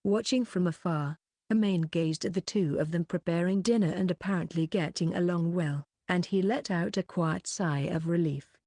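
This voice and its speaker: A woman reading a light novel aloud in an even, unhurried storytelling manner, close to the mic. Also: on the low side, dry recording. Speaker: audiobook reader.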